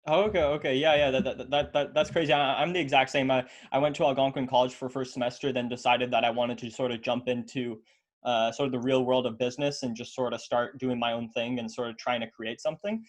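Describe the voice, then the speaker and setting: A man's voice: mid-range voice, steady tone, quick pace. A man hosting a business podcast in casual interview style, eager and full of fillers and repeated words. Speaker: podcast host.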